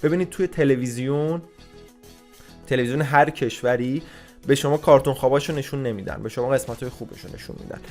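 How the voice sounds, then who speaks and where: A man's voice: medium pitch, darkish tone, soft background music. A man giving blunt, casual immigration advice, scolding and swearing at times.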